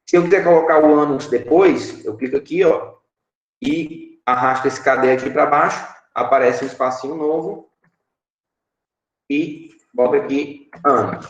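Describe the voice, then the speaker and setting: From a room at home, a teacher in his thirties with a Brazilian Portuguese accent explains app-building blocks during an online screen-share class. His mid-range voice often pauses on the filler "é" and checks in with students using "certo?". The webcam video call sounds muffled and echoey.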